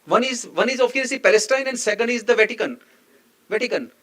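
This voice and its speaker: A man's voice: very high-pitched, lively intonation, quick pace, a bit bright. A male professor gives an academic lecture in a lecture hall, speaking emphatically, repeating phrases and putting rhetorical questions to listeners. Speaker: professor giving a memorial lecture.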